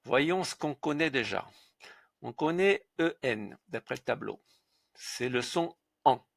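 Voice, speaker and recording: A man's voice: mid-range voice, lively intonation, slow, vocal fry, no echo. Man, pronunciation teacher, patient, spells sounds letter by letter, dry close sound. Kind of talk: slow instructional lesson.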